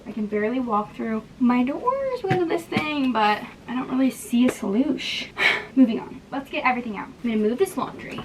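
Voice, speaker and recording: Young female vlogger, chatty and self-mocking, bit higher pitch, faint background ambience. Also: a little hiss or hum. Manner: chatty, self-deprecating, talks to herself while working. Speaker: lifestyle vlogger. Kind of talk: casual vlog voice-over and talk while cleaning. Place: apartment closet.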